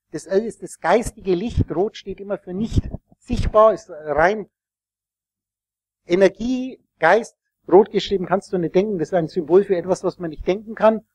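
A man's voice: sits high, darkish tone, no echo. A man giving a rambling, explanatory live talk to an audience, often asking them questions as he teaches. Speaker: lecturer.

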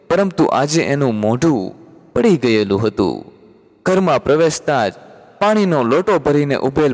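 A man narrating an audiobook story in an expressive, measured way. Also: mid-range voice. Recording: long hall reverb.

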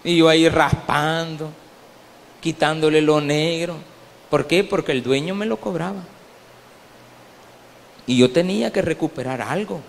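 High-voiced Salvadoran pastor preaching in a hall. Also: male voice, a little slow, vocal fry, pauses often, a little hiss or hum. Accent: Salvadoran Spanish. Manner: storytelling preacher, acts out voices and swings from low asides to loud pleading. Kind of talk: sermon. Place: church hall. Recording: long reverb of a church hall.

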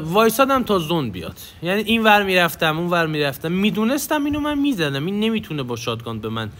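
A man's voice: a little high, fairly bright tone, a little hiss or hum. A young man giving casual gameplay commentary as a gaming YouTuber, chatty and coaching viewers on tactics.

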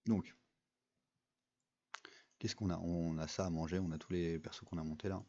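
A man's voice: low-pitched, steady tone, normal speed, dark tone, lo-fi sound. A young man giving casual, rambling commentary over a mobile game, full of fillers and restarts. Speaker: gaming video creator.

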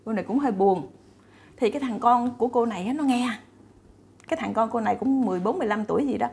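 A woman's voice: fairly high pitch, fast, gravelly, a little mellow, husky. A woman retelling a story to her viewers in a chatty, casual way, full of fillers and repeated words. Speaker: storyteller host.

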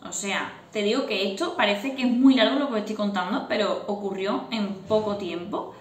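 A woman's voice: mid-range voice, moderate pace, distant mic. Chatty woman in an echoey room. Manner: animated, laughing while recounting. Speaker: vlogger. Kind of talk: casual storytelling to camera.

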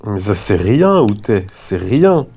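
A man's voice: lowish voice, big pitch swings, takes it slowly, a little mellow, husky, lo-fi sound. A man chatting casually and jokingly with a friend as he plays a video game. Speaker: gamer. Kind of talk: casual gameplay chat with a friend.

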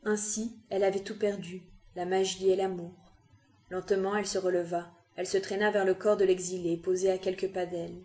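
A woman reading a novel aloud with calm, even narration. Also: on the low side, fairly quick. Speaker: reader.

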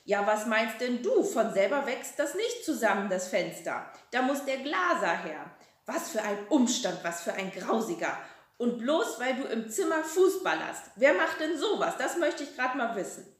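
A woman voicing a bossy older grandmother who nags in a shrill, exasperated way, in a children's story reading. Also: expressive, moderate pace, hardly any pauses, fairly bright tone. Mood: scolding. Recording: roomy echo.

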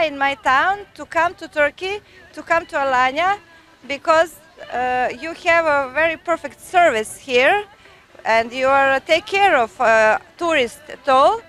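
A middle-aged woman from Serbia with a Serbian accent, speaking halting English in a beach street interview, pausing often to find words. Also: high voice, a bit bright. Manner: halting, searching for English words with many fillers. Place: sunny beach outdoors. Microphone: handheld reporter mic.

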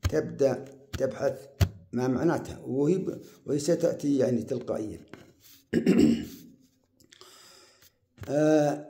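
A man giving casual advice as the host of his own show, talking at an unhurried pace and repeating words for emphasis. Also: on the high side, dark tone. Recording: roomy echo.

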